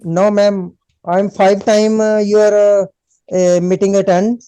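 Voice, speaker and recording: Homme, participant d'un appel vidéo, anglais haché, voix très sombre et nette, débit lent. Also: male voice, sits high, flat delivery, mellow, clear, resonant tone, no echo. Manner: halting broken English, many fillers. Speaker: meeting participant. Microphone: video call.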